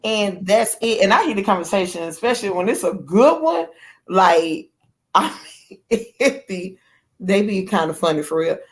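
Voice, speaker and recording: A woman in a casual chat as a guest, outspoken and animated, often restarting her sentences. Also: mid-range voice, normal speed.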